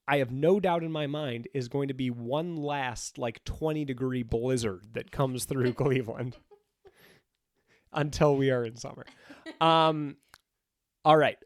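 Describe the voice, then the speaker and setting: A male podcast co-host with a nasal, pinched-nose voice, blocked up by a cold. He chats casually and teasingly at a middling pitch. The sound is dry and close. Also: no echo. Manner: joking, teasing banter. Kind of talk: casual unscripted podcast chat.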